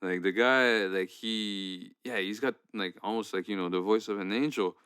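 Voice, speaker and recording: A man's voice: fairly low pitch, moderate pace, a bit bright, clear, resonant tone, no echo, clean studio sound. Young man co-hosting a podcast, rambling. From Canada. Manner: rambling, many fillers and restarts. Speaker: podcast co-host. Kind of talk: casual chat.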